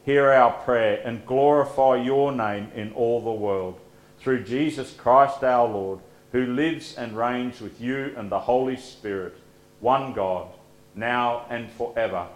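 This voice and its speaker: Slow solemn pastor in echoing church. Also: male voice, mid-range voice. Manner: measured, solemn liturgical reading. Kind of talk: leading liturgical prayers. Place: church sanctuary. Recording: echoey church room with faint hum.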